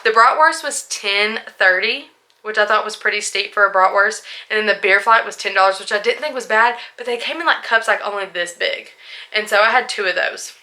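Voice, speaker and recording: Young woman, bright clear voice, chatty vlog talk, a bit tipsy, casual asides. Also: medium pitch, fairly quick. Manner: chatty and candid, full of likes and asides. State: a little tipsy. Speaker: vlogger.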